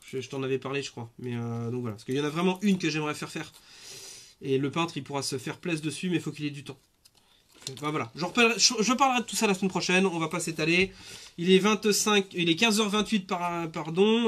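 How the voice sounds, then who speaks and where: A man in his thirties with a notably high voice hosts a casual live stream. He talks to his viewers in a relaxed, rambling way, with lots of fillers and false starts. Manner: chatty, rambling with many fillers and restarts.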